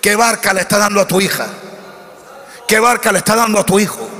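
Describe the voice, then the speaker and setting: A male pastor with a high, bright and forceful voice preaches emphatically, piling up repeated lists and rhetorical questions. His voice rings through a church hall with a long echo and a faint murmur of the room behind him. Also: fairly quick. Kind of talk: sermon.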